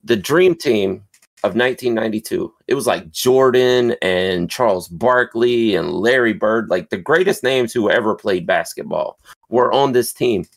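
A man's voice: lowish voice, unhurried, gravelly. A man hosting a podcast in casual chat, a chatty storyteller who laughs easily.

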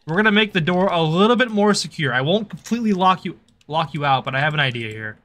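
A man's voice: fairly high pitch, animated, fast. A young man chatting while playing a horror game with a friend, teasing him and yelping when startled. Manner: jumpy, yelps and shouts when startled, teasing. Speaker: gaming co-player. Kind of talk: casual gaming chat. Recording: music over the voice.

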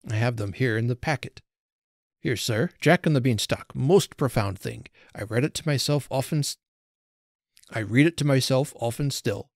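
A man's voice: medium pitch, moderate pace, creaky, no echo, studio quality, natural voice. A man voicing a sorrowful, frail old Father Christmas who talks in a trembling, mournful and pleading way. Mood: gentle.

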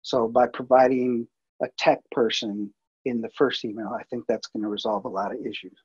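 Man, webinar presenter, casual and halting, raspy voice, muffled call audio. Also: mid-range voice, steady tone. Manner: casual, halting, many fillers and restarts. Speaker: multimedia producer presenting. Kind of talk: webinar presentation over slides.

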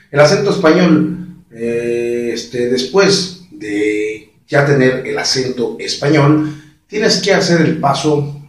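A man hosting a casual voice-imitation tutorial, explaining step by step in a chatty way with many fillers. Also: medium pitch. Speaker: voice impressionist, tutorial host. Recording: very echoey room, distant mic.

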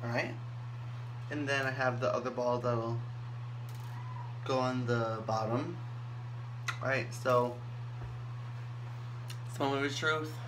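A man's voice: mid-range voice, steady tone, slow pace, long pauses. A young adult man chatting casually to a camera at arm's length in a small bathroom. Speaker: vlogger. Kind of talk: casual chat. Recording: clear background noise in bathroom.

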